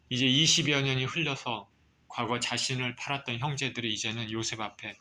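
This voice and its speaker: Korean pastor guy preaching, bright forceful voice, slow careful pauses, a bit of hiss behind. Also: medium pitch. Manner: measured preaching, reading scripture aloud with pauses. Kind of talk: sermon.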